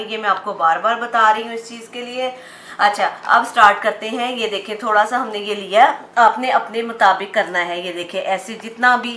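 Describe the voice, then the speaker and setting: A woman's voice: fairly high pitch, sharp tone. A woman hosting a cooking channel, chatting viewers through a recipe step by step in her home kitchen, with oil frying in a pan behind her. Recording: roomy kitchen echo, faint background noise.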